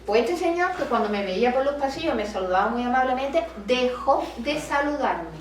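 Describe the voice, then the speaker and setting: Animated woman lawyer, roomy distant sound. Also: high voice, moderate pace, noisy background. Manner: animated storytelling, acts out quoted dialogue. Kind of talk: talk at a public colloquium. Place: meeting room. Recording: roomy, distant mic with faint ambience.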